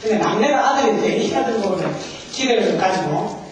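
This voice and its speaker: A man's voice: sits high, lively intonation, fairly quick, a little hiss or hum. A man preaching a humorous sermon as a pastor, joking and leading the congregation in call-and-response. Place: church sanctuary. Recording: far-off mic, very echoey hall.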